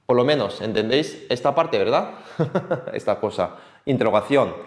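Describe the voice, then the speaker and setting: A man's voice: mid-range voice, moderate pace. Guy teaching a class, patient, voice goes up and down a lot, echoey room. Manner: lively, patient, repeats words for the class to echo. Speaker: Korean language teacher. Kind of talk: online language lesson. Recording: echoey room with faint noise.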